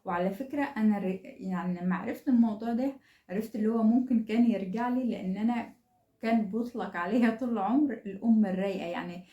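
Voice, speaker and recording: A woman's voice: medium pitch, quick pace, dark tone, echoey room, highs cut off. A woman with an Egyptian Arabic accent gives parenting advice in a chatty way, acting out things parents and children say. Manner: chatty, acts out quoted lines of parents and children. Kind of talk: casual advice talk.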